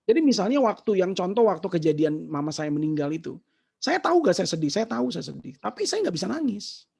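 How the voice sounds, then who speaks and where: A man, giving an animated, casual talk and answering questions in an online session. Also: high voice, fast, vocal fry, slightly rough. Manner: animated storytelling, mixes in English words. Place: online session over a shaky connection.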